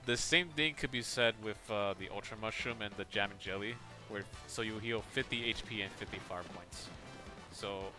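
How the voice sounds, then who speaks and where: A man's voice: fairly low pitch, moderate pace, sharp tone, soft background music. A man streaming a game, casually explaining its mechanics. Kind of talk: casual gameplay commentary.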